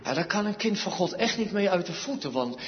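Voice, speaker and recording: A man preaches a sermon in a slow, lively voice that swings widely in pitch, leaning on repeated words and rhetorical questions. His voice sits a little high for a man. The recording is dull and lo-fi, with a long reverb trailing through the church hall. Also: a little hiss or hum. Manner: emphatic, repeats key words and asks rhetorical questions with a tag "hè". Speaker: pastor.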